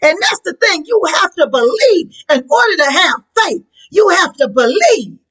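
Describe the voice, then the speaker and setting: A woman's voice: very high voice, sing-song, normal speed, fairly bright tone, low-quality recording. An American woman pastor preaching a sermon with passion, her voice breaking and crying out on the key words.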